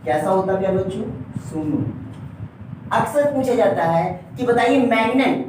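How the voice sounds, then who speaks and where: A man teaches an exam-prep lesson at a board in a high, expressive, slightly mellow voice at a moderate pace, constantly adding a questioning "right?" and fondly calling the viewers dear children. The mic is distant, with a faint hum beneath him. His voice echoes around a hard, very reverberant room.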